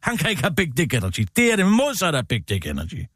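A man with a fairly high voice that leaps up and down as he lectures in a bombastic, mock-authoritative way. He is a satirical radio comedy host, recorded dry and close on a studio mic. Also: huge pitch swings, a bit bright, husky, no room sound.

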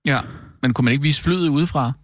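A man with a Danish accent, a comic radio character who talks haltingly, stammers, and fills gaps with "uh". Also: a little high, dry recording, clean studio sound. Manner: hesitant, filler-heavy, stammering. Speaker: comedy radio character on a phone call.

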